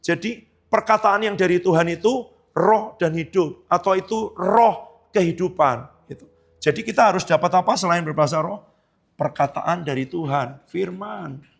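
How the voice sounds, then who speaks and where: A man delivers a sermon as a pastor, talking to his congregation in a relaxed, conversational way. His voice sits a little high and has a gravelly edge. He keeps asking the room questions as he preaches. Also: normal speed.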